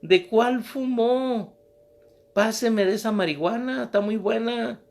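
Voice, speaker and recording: A brash young man, scoffing and dismissive, his voice pushed high, as a preacher acts him out. He sneers at everyone around him. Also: slow pace, vocal fry, a little mellow, full character voice. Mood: mocking. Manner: mocking, dismissive. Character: rude, scoffing young man with a broken motorcycle.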